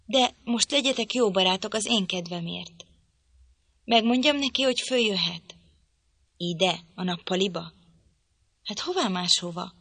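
An ardent young lady of the manor, eager and pleading by turns, as a woman narrator puts her on. The tone is bright and ringing. The recording is close and dry, with no room sound. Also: medium pitch, animated, long pauses, slightly rough, dry recording. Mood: coaxing. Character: impassioned young lady of the manor, breathless with joy. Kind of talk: audiobook reading.

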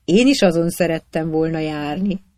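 A narrator voicing a witty old village priest with quick, sly retorts in a storybook reading. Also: medium pitch, mellow, dry recording, close to an everyday voice.

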